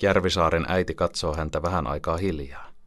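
Deep-voiced man narrating a story. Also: fairly even intonation, fairly bright tone, dry recording, clean studio sound. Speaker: audiobook narrator.

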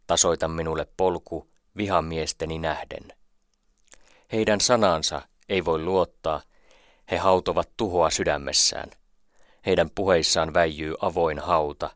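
A man giving a slow, measured, solemn reading of psalms as a scripted Bible reading. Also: sits low, fairly bright tone, no echo, studio quality. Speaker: scripture reader.

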